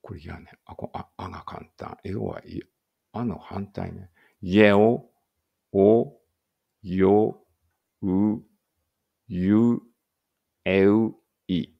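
A man's voice: low-pitched, steady tone, extremely slow, creaky, pauses often, lo-fi sound. A man reading a study text aloud in a casual study-along and thinking aloud in muttered asides. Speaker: language teacher reading aloud.

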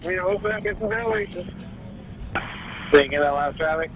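A man's voice: sits high, brisk, highs cut off. A man working as a firefighter, making urgent fireground calls in short bursts. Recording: very noisy fireground radio.

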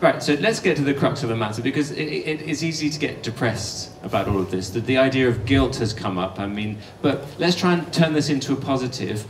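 A man's voice: medium pitch, lively intonation, a little hiss or hum. Guy moderating a panel w handheld mic, echoey hall. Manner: brisk, restarting questions. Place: large hall on stage. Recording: roomy hall, mic at a distance.

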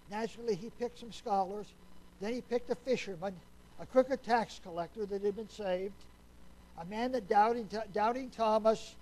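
A man preaching a Sunday sermon in a folksy, conversational way, often asking the congregation questions and dropping to a hushed voice at solemn points. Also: high voice, rough recording.

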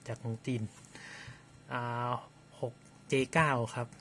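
Man giving a relaxed, polite audio review. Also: takes it slowly, slight background noise. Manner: relaxed, polite, with fillers and restarts. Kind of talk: casual spoken review.

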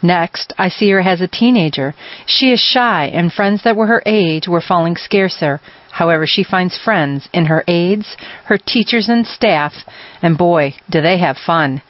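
Woman, lowish voice, measured essay reading, dry dull recording. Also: expressive, no room sound. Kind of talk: reading a personal essay aloud.

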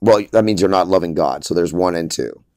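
A man's voice: low voice, a little fast, dark tone, no room sound. A man preaching informally in an emphatic, lecturing way, often repeating his points.

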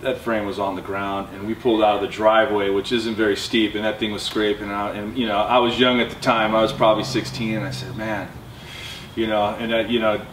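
A man's voice: lowish voice, flat delivery, a little fast, fairly bright tone, a little hiss or hum. A man who builds wheels, reminiscing in an easygoing way full of "you know" about his father's trucks. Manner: easygoing, filler-heavy. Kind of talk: casual interview recollection. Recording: distant mic, roomy echo.

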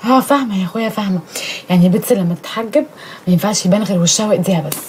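An actress playing a quick-talking dutiful sister. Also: female voice, medium pitch, darkish tone, a little hiss or hum, close to an everyday voice. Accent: Egyptian Arabic. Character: young woman humoring her preachy brother. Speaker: sister listening to her brother. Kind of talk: Egyptian TV drama acting.

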